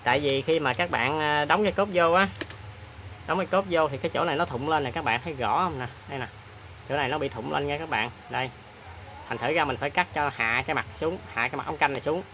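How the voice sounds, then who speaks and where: A man hosts a hands-on repair demonstration, talking in a chatty, plain-spoken way with many filler pauses. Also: fairly high pitch, sharp tone, a little hiss or hum. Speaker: repair tutorial host.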